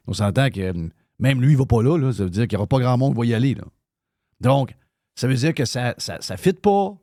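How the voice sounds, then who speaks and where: A man's voice: medium pitch, lively intonation, fairly quick, warm tone, no echo, clean studio sound. A man with a Québécois accent, hosting live radio talk in a heated, ranting way, swearing freely. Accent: Québécois French. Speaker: radio show host.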